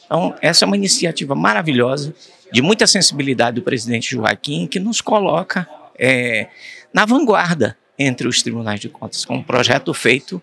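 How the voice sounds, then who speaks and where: A man's voice: medium pitch, animated, normal speed, creaky, fairly bright tone, slightly rough. A man in his fifties with a Brazilian Portuguese accent, a staff member speaking emphatically in a press interview. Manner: emphatic, enthusiastic. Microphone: handheld reporter mic.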